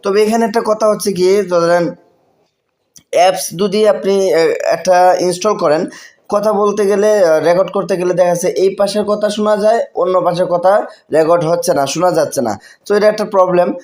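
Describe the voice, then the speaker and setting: This man, who has a Bangladeshi accent, speaks fairly quickly in a high voice with a darkish tone and fairly even intonation. He hosts a casual, spoken screen-recording tech tutorial, repeating phrases and dropping in English words.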